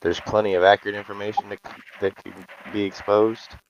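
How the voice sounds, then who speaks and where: A man's voice: fairly low pitch, little pitch movement, brisk. A man chatting casually on a remote call; his mic sounds scratchy and muffled like an old phonograph, and he rambles and restarts his sentences. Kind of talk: casual chat. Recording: dull scratchy lo-fi mic with faint hiss.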